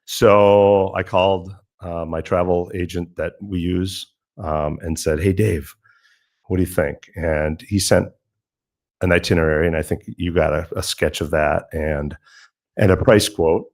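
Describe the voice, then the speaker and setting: A man with a low voice speaks as a band director addressing a board. He is informal and folksy, feeling his way through his phrases. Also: fairly even intonation, measured pace.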